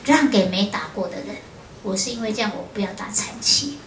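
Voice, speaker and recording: A Buddhist nun telling stories in a roomy hall. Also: female voice, mid-range voice, fairly quick, slight background noise. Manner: lively storytelling with frequent "hao" and "ha" fillers. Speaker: Buddhist nun giving a lecture. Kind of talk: storytelling lecture to an audience. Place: lecture room at a foundation. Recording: roomy hall with faint ambience.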